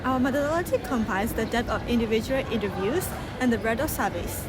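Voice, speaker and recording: A young woman student who narrates a research video and asks interview questions in a clear, formal delivery. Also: on the high side, expressive, fairly quick, a loud crowd, very noisy. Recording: loud background music.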